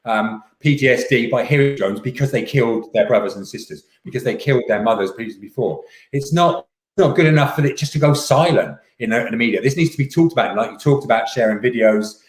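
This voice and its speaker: A man speaks as an activist guest in a mid-pitched voice, insistent and tagging his points with quick questions. His voice rings in an echoey room. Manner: insistent, tag questions, repeats phrases. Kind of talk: interview talk.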